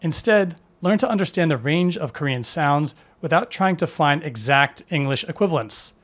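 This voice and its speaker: Male teacher, scripted lesson narration, voice a little higher than most men, steady and instructive. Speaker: language teacher.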